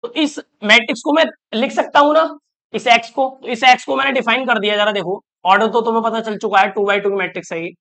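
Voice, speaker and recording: With a very high, steady, gravelly, and sharp voice, a math teacher talks fast through an online lecture. He voices each step aloud, counts terms, and constantly coaxes questions while checking whether students follow.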